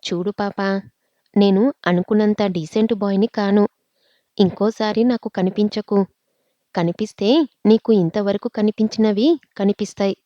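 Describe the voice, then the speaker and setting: A woman's voice: medium pitch, fairly even intonation, moderate pace, mellow, no echo, muffled recording, close to an everyday voice. A woman voicing an arrogant rich young man who taunts and threatens. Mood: threatening.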